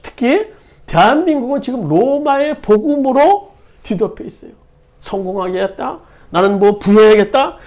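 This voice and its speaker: A pastor preaching a sermon in a church, stressing key words by repeating them. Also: high voice. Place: church sanctuary.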